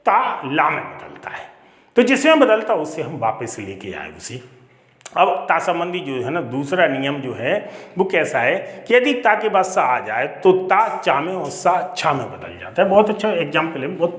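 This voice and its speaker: A man's voice: a little high, fairly bright tone, reverberant. A man teaching Hindi grammar, explaining step by step, repeating words and asking rhetorical questions. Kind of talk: classroom lesson.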